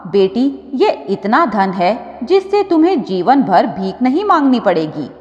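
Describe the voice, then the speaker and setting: A woman's voice: a little high, very animated, unhurried, darkish tone. Earnest goddess Parvati voiced by a woman, echoing. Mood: caring. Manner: pleading, earnest. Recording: dull audio with long reverb.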